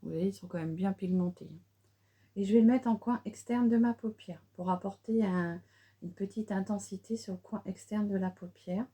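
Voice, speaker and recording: A woman's voice: mid-range voice, normal speed, warm tone, breathy edge. A middle-aged woman chatting through a casual makeup tutorial, with many fillers and restarts. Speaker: beauty vlogger.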